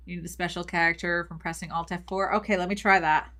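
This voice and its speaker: A woman's voice: fairly low pitch, steady tone, fast, bright, forceful tone. A woman streaming a video game, chatting playfully with her viewers and reading their messages aloud. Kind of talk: casual live-stream commentary.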